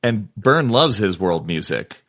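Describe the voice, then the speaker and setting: A man co-hosting a podcast, joking around and talking with a lot of bounce. His voice is fairly low, but it swings widely up and down as he gets going. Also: measured pace. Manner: animated, jokey, does comic impressions. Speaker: podcast co-host. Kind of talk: casual chat.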